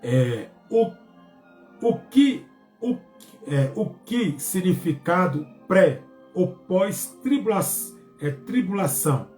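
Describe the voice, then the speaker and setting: A Brazilian man, a pastor giving a Bible study, who reads verses aloud and speaks every comma and period, with halting restarts. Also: high voice, sing-song, a little mellow, roomy sound, soft background music. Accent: Brazilian Portuguese. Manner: halting, with restarts and drawn-out words.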